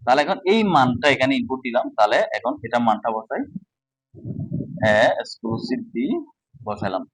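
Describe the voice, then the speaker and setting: A man's voice: medium pitch, fast, no echo, rough recording. A man teaching a casual whiteboard lesson, explaining step by step and often checking that students follow.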